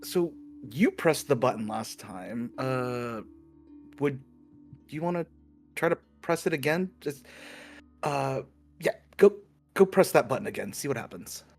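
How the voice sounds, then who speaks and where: Worried young hero, played by a man, halting and slow, in a tabletop game. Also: mid-range voice, lively intonation, gravelly, a little mellow, faint music behind. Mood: hesitant. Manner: hesitant, halting, many fillers. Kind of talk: voicing a character in a tabletop game.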